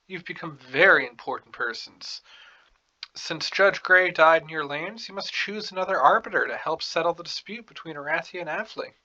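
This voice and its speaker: A man voicing a formal, courteous fantasy game ambassador of wizards in a stately, measured, diplomatic way. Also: fairly high pitch, sharp tone, highs cut off.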